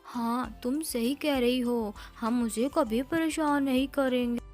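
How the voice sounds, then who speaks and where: A woman's voice: a little high, slow, a little mellow, soft background music. A woman voicing a scheming, bullying male crow who threatens a small bird. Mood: chastened. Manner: blustering, threatening.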